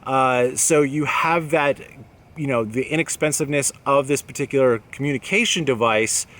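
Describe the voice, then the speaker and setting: Among trees and apartment buildings, a man talks through gear for his outdoor channel, addressing the camera in a casual, plain-spoken way. His voice is medium in pitch, fairly bright, at a moderate pace, and the recording carries noticeable background noise.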